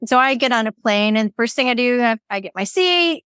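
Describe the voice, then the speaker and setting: A woman guest on an interview, talking about energy healing in a lively, playful way and often acting out voices of people she quotes. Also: a little high, brisk, smooth, dry recording, studio quality. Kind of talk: conversational interview.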